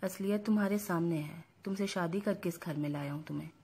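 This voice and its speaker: A woman reading the lines of a curt, self-assured young husband in a storybook reading, calm, firm and dismissive. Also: on the low side, creaky, husky.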